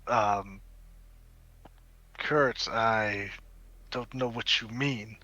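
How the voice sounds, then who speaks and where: A man's voice: lowish voice, steady tone, extremely slow, pushed and bright, no room sound. A man narrating a tabletop game as dungeon master and voicing its figures in a grand, courtly way. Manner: plays the king in a grand, courtly way. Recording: dull lo-fi audio with faint music.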